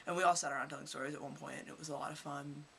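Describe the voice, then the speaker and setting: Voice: mid-range voice, steady tone, very fast, vocal fry, bright, forceful tone, slight background noise. A teenage vlogger from Kentucky telling rambling stories to camera in a casual, chatty way. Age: teens. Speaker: vlogger, high school student.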